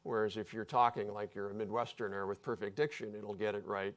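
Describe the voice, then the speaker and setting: A man's voice: on the low side, fairly even intonation, brisk. A man speaking as a panelist at a live public discussion, explaining points in an offhand, joking way.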